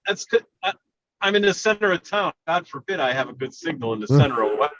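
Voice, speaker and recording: A man's voice: fairly high pitch, big pitch swings, quick pace, a bit bright, no echo. Man on a dull, breaking-up phone call. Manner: chatty, restarts phrases. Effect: breaking-up phone connection with a bad signal. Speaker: participant on a group call. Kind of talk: casual group chat. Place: car stopped on a bridge in town. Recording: dull lo-fi cutting-out call audio.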